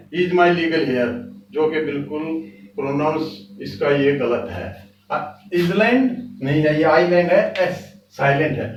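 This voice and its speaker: A man teaching English pronunciation in a lesson, with an Indian accent, slowly repeating each word several times. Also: on the high side. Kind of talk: classroom lesson. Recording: echoey room, mic far off.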